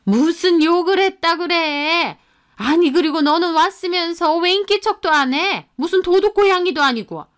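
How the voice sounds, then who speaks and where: Woman doing a harsh nagging mother-in-law, high pitched, bossy radio drama voice. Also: normal speed. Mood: scolding. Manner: sharp, scornful scolding. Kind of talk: Korean story radio drama.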